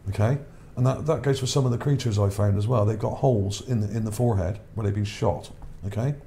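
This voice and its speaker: A male channel host speaks fast in a low, mellow voice that's going hoarse and starting to go. He rambles through casual narration of his article over images, repeating words and tossing in "okay?" check-ins, with a faint hiss in the background.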